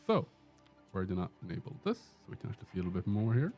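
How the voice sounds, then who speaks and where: Talking very fast with huge pitch swings, this mellow, low-voiced streamer from Sweden jokes and chats over faint music. He has a Swedish accent and answers questions from chat while playing live in an indoor room with a door.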